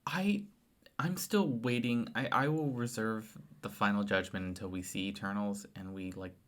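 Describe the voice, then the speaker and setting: A man's voice: lowish voice, normal speed. A man co-hosting a podcast in casual chat, tired late at night, rambling with restarts and trailing thoughts. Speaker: podcast co-host.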